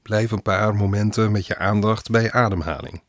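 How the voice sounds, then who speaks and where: A man guiding a breathing exercise in a calm manner, counting slowly and trailing off softly. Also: on the low side, dry recording, studio quality.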